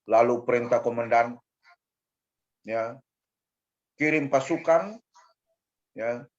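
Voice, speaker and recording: An older man, a pastor, telling a personal testimony in a measured way, often dropping a soft "ya" between phrases. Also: medium pitch. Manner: measured, fills pauses with a soft "ya". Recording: dull lo-fi recording.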